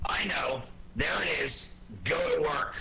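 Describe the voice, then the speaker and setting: A blustering police inspector from an old radio detective show. The voice is sharp and forceful, impatient and sardonic. A faint hiss of noise sits on the 1940s recording. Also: male voice, on the high side, measured pace, creaky, muffled recording, exaggerated voice.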